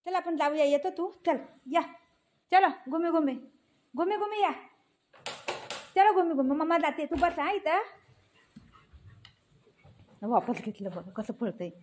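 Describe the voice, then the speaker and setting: Woman, pet owner; high voice, slow repetitive scolding and coaxing. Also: expressive, a little mellow. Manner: coaxing and scolding, repeating short commands.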